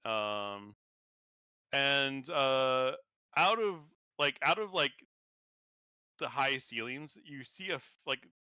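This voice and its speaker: Bright-voiced man running a tabletop game. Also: mid-range voice, animated, slow pace, pauses often, clean tone, dry recording, clean studio sound. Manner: rambling, many fillers and restarts. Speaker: game master.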